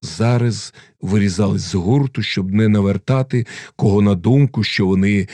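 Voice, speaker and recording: A man narrating a classic novel as an audiobook, in expressive storytelling. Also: on the low side, moderate pace, no room sound.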